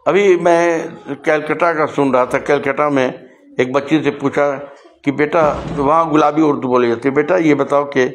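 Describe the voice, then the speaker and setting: A man's voice: a little high, fairly even intonation, a little hiss or hum. An older man and poet, speaking in an earnest, lecturing way and giving examples. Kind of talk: casual spoken talk on language.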